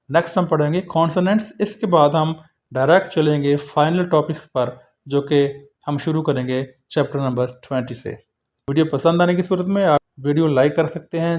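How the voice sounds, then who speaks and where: A man with a Pakistani accent teaching a phonetics lesson, slowly repeating vowel sounds and words for students. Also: on the high side, a little mellow. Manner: slow, drawn-out repetition of vowel sounds.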